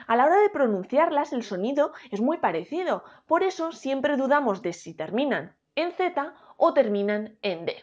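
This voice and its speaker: Woman teacher w a spain spanish accent, kinda high and really lively, stretches her words, dull lo-fi sound. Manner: slow, emphatic, asks rhetorical questions. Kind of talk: spelling lesson.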